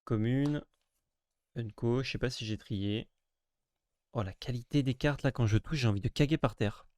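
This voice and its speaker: A man streaming a card pack opening in casual commentary, sarcastic and self-mocking with crude jokes, now and then breaking into sudden excited yelps. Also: mid-range voice, normal speed, no room sound.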